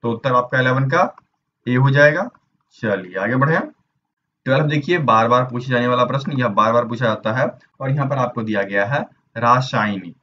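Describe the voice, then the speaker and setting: A man leads an exam-prep Hindi lesson at a mid pitch, spelling each word out letter by letter and stopping to ask the viewer which option is right. The recording is a little dull and lo-fi, with a faint hum of room noise behind his voice. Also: moderate pace, bright, forceful tone. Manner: spells words out letter by letter, asks the viewer questions.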